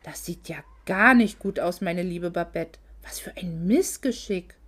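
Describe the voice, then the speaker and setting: A woman's voice: fairly low pitch, a little slow, a bit bright, pitched below the performer's own voice. A woman voicing a greedy, fake-sweet moneylender man who talks in a mock-polite, condescending way, in a storybook reading. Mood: oily.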